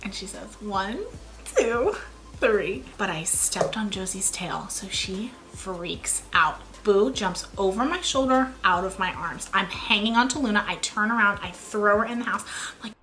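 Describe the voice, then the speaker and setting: A young woman vlogger telling a story in a chatty, animated, self-mocking way. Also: medium pitch, a little slow, rough recording. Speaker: YouTube vlogger. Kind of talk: casual storytime vlog.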